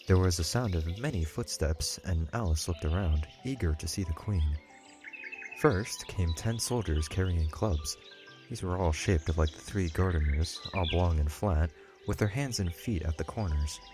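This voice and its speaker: In audiobook style, a man narrates a scripted story at a moderate pace. His voice is very low, with music clearly audible underneath.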